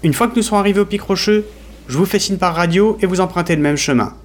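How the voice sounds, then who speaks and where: A man voicing a gruff, impatient male lieutenant who barks curt orders, in an audio story. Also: high-pitched, fast, voice pushed up, lightly acted. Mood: commanding.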